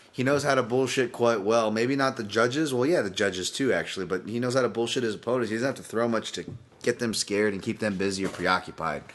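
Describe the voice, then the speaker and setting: A man with a Hawaiian accent hosts a casual solo podcast as a fight analyst, rambling along with lots of restarts and offhand swearing. His voice is fairly low in pitch with a fairly bright tone.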